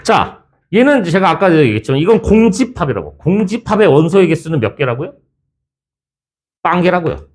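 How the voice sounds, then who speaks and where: Male math teacher, lively and teasing, fairly high voice, classroom lecture. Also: brisk. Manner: chatty, teasing, switches between formal and casual speech.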